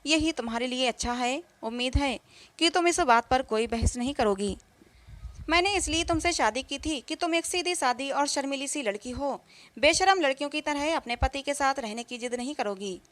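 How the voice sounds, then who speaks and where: A woman's voice: high voice, moderate pace, fairly bright tone, no room sound. A woman voicing a cold, stern young husband. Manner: cold and commanding.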